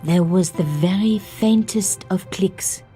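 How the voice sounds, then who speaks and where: An actress voices a young woman journalist in game voice-over narration, her low, mellow voice moving slowly over soft background music. The mood is wry as she narrates her sleuthing with dry, self-mocking asides.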